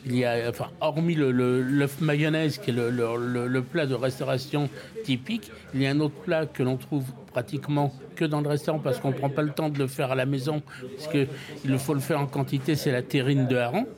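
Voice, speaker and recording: Older French man, halting storyteller. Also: mid-range voice, steady tone, a crowd in the background. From France. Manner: hesitant, frequent repeated words and restarts. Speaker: restaurant owner. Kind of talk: interview, casual storytelling.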